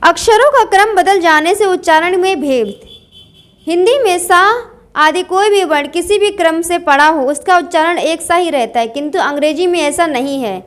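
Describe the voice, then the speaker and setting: High-voiced woman teaching pronunciation. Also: moderate pace, fairly bright tone. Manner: explains step by step, asks and answers her own questions. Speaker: English teacher. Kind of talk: Hindi-medium pronunciation lesson.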